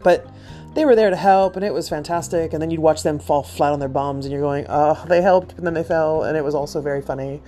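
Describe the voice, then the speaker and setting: Chatty, self-deprecating woman, slightly low voice. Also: fairly even intonation, quick pace, dark tone, faint music behind. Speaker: podcast host. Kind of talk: casual personal storytelling.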